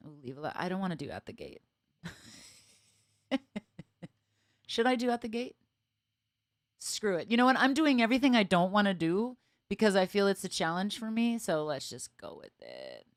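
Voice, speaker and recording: A woman's voice: medium pitch, big pitch swings, moderate pace, pauses often, no room sound, clean studio sound. A woman musician chatting casually with viewers on a live stream, thinking aloud, laughing often and joking at her own expense.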